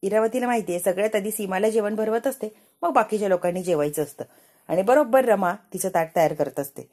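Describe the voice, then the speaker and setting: A woman's voice: mid-range voice, quick pace. A woman narrating a chatty, casual recap of a TV serial episode. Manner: chatty, lively retelling.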